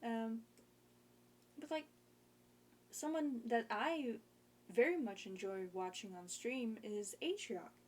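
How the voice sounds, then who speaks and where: Young woman streamer, slow unhurried chat, slightly high voice, meandering with many ums. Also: a little mellow, a little hiss or hum. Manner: rambling, hesitant, many fillers. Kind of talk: casual chat.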